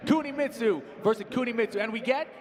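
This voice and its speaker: An esports commentator with a very high-pitched voice talks fast while analysing a fighting game tournament in conversational back-and-forth, with music playing behind him.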